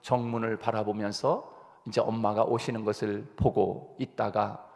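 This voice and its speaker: Male pastor, early-morning sermon, gravelly, long church reverb, rhetorical questions. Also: lowish voice, little pitch movement, moderate pace, darkish tone. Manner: storytelling with rhetorical questions to the congregation; earnest, rising emphasis, frequent hesitations. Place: church sanctuary.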